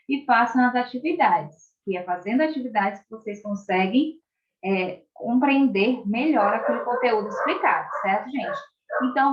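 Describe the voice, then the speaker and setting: A woman's voice: mid-range voice, a little hiss or hum. Brazilian woman teacher, echoey dull recording. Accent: Brazilian Portuguese. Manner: slow, clearly articulated, stretches out words for children; keeps checking in with tag questions. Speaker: primary school teacher. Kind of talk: online video lesson for young children.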